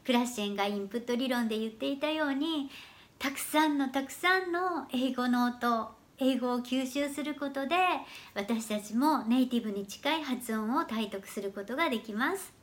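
A woman's voice: high-pitched, normal speed. A woman giving an earnest, explanatory lesson about learning English pronunciation. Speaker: English teacher. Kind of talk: educational talk to camera.

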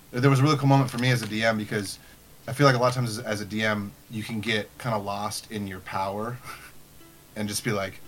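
A young man hosting a podcast as game master, talking casually and rambling with many restarts and fillers. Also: medium pitch. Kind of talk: casual chat.

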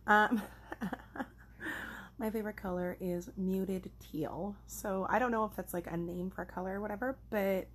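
A woman's voice: medium pitch, steady tone, measured pace, husky. A young woman vlogging at home with her cat, chatting casually in a rambling, giggly way and swearing now and then. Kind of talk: casual chat to the camera.

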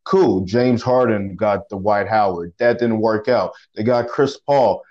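A man co-hosting a sports podcast over a phone line, talking casually with halting restarts and slang. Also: lowish voice, darkish tone. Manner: halting, repeats words, slangy. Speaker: podcast co-host.

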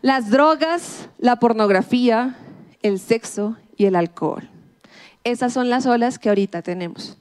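A young woman preaches to young people in a high voice. She is playful and chatty and keeps slipping into little acted-out voices to make her points. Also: unhurried, a little mellow, clean tone. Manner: playful, acts out quoted voices. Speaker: pastor. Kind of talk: lively youth sermon.

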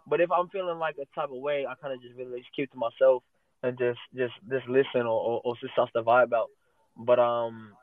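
A man's voice: mid-range voice, no echo. A man in his twenties with an Australian accent, a rapper guest talking loosely and profanely, often repeating words as he thinks. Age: 20s. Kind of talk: casual interview chat. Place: in a car. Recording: tinny phone-like sound.

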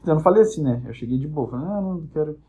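Profane, animated young man telling stories. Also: a little high, very fast, phone-quality sound. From Brazil. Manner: animated storytelling, acting out quoted voices; crude, profane humor. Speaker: podcast host. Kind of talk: casual comic monologue.

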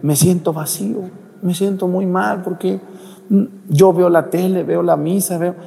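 A man's voice: mid-range voice, fairly even intonation, measured pace, gravelly, warm tone, in a large hall. A man voicing a tearful, regretful dying older man, pleading in a raised, strained voice. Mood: sorrowful, regretful.

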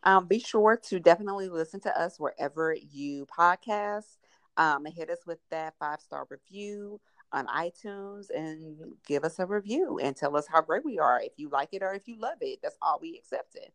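A woman's voice: fairly low pitch, lively intonation, moderate pace, no room sound. A woman hosting a casual podcast, frank and colloquial with emphatic delivery. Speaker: podcast host.

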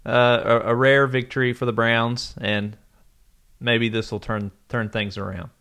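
A man co-hosting a casual podcast, self-deprecating and halting, telling nerdy jokes at a desk mic. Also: medium pitch, little pitch movement, fairly bright tone, clear, resonant tone. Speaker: podcast co-host. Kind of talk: casual chat.

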